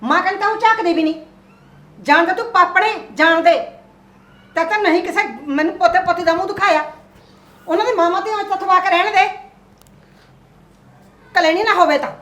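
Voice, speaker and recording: An actress playing a harsh, sharp-tongued older mother-in-law in a short film. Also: very high voice, brisk, long pauses, reverberant. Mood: scolding. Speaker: actor. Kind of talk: Punjabi short film acting.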